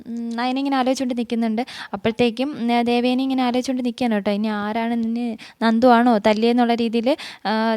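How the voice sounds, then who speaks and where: A woman's voice: a little high, a little mellow, no room sound. A woman casually retelling a TV serial episode, with lots of little fillers and hesitations. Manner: chatty retelling, frequent tag fillers and hesitations. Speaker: serial recap reviewer.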